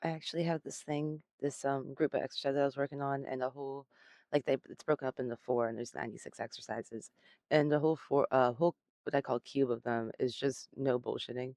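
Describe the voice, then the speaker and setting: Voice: mid-range voice, fairly even intonation, fairly quick, a little mellow, no room sound, clean studio sound. A person interviewing an AI in a casual, rambling way, often laughing and swearing. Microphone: close personal mic at home.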